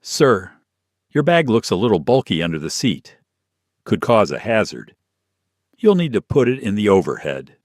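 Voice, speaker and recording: A man voicing a smug male flight crew chief whose polished charm turns to quiet threat, in an audio story. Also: fairly low pitch, very animated, moderate pace, pauses often, no echo, clean studio sound, pitched above the performer's own voice. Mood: falsely polite. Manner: falsely charming, hardening to threat.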